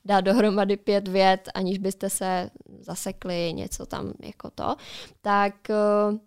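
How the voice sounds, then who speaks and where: A woman's voice: medium pitch, flat delivery, smooth, dry recording. Chatty Czech podcast woman, dry studio sound. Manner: chatty, reflective, gives advice. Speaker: podcast co-host. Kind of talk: casual podcast chat.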